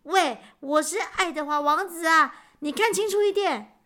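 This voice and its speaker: A woman voicing a young boy prince in a told story, raising her voice high and speaking insistently. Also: moderate pace, sharp tone. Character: young boy prince, playful then distressed.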